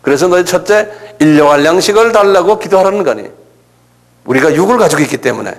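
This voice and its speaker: Animated older Korean pastor preaching. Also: male voice, on the high side, fast. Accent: Gyeongsang Korean. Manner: animated preaching, acting out prayers and asking the congregation questions. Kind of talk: sermon.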